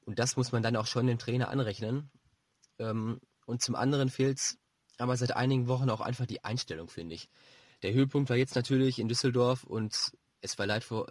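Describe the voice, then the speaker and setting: A man giving football analysis as a pundit, measured and explanatory, feeling his way through phrases. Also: mid-range voice, dry recording. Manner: measured, explanatory, hesitant phrasing with repeated words.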